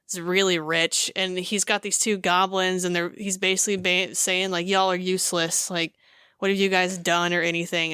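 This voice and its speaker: A woman co-hosting a podcast, recounting a game scene in casual chat, animated and full of fillers. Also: lowish voice, clear, resonant tone, no echo, clean studio sound. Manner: animated storytelling with many fillers. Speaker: podcast co-host.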